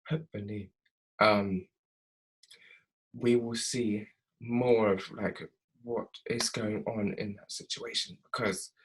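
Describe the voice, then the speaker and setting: A young man casually recapping a TV episode, chatty and animated, laughing often. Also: lowish voice. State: tired.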